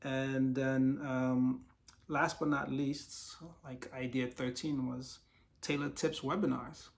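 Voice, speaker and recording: Male vlogger, gravelly and a little hoarse, relaxed and reflective as he lists ideas. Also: medium pitch, slow. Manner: reflective, walks through a list of ideas. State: slightly hoarse, losing his voice. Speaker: YouTube creator sharing business ideas. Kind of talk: casual solo vlog monologue.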